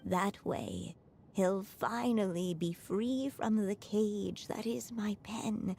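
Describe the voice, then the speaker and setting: Tender woman writer, video game, unhurried, soft dark timbre, earnest. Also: medium pitch, gravelly, slight background noise. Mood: earnest, hopeful. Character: gentle, earnest woman writer, a mother's magical echo. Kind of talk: scripted video game voice acting.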